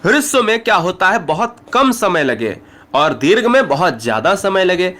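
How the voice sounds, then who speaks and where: A man with a noticeably high voice teaches an exam-prep grammar lesson with a Bihari Hindi accent. He talks straight to his students and keeps checking that they follow with quick rhetorical questions. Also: very animated, pushed and bright. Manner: addresses students directly, asks rhetorical questions.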